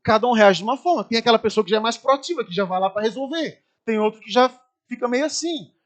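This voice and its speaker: Brazilian pastor, very high male voice, animated storyteller who acts out scenes from the pulpit. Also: quick pace. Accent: Brazilian Portuguese. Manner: lively anecdotes, acts out screaming people. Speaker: preacher. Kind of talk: storytelling sermon.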